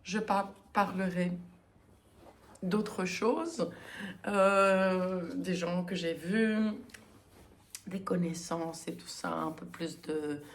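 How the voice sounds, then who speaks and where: A woman hosting her knitting podcast in a casual, chatty way, often pausing with hesitant fillers. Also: lowish voice, fairly even intonation. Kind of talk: casual chat.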